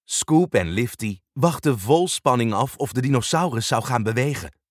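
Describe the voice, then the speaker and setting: Lively man reading a children's story. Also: medium pitch, moderate pace, dry recording, clean studio sound. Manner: animated, expressive reading. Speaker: narrator. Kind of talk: storybook narration.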